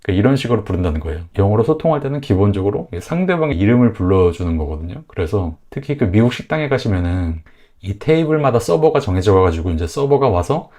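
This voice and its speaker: A Korean man teaching English pronunciation in a casual video lesson, explaining step by step and saying example words slowly. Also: on the low side, sing-song, warm tone.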